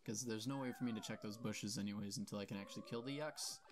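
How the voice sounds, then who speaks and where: A man's voice: fairly low pitch, quick pace, background noise. A young man casually commenting on his gameplay and reading the game's dialogue aloud in his own plain voice, offhand and self-deprecating. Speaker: let's play host.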